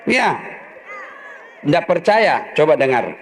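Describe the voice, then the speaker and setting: A man's voice: high voice, a little slow, a faint crowd, slight background noise. A middle-aged man, preaching a humorous sermon, joking and acting out husband and wife voices.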